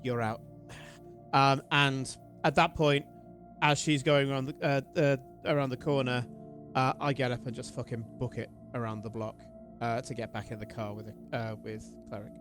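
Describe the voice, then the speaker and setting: A man's voice: mid-range voice, level tone, a bit bright, faint music behind. Man playing a swearing British tabletop player. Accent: British English. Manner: casual, swearing, halting with fillers. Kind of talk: describing his character's actions in a tabletop game.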